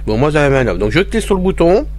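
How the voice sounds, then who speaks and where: A man with a slightly high, darkish, sing-song voice talks fast through an informal step-by-step tutorial. He speaks directly to listeners and narrates his own actions as he goes. A faint hiss from the recorder sits in the background.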